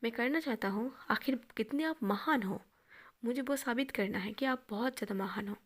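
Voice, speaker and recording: A woman's voice: on the high side, normal speed, close to an everyday voice. A woman voicing a half-whispered angry young man. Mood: irritated. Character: angry young man, stern and quick-tempered.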